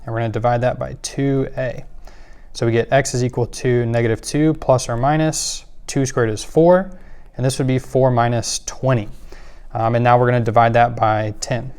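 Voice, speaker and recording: His voice is clear and resonant, medium in pitch, at a normal speed. He leads a math lesson, walking methodically through worked examples with some fillers along the way.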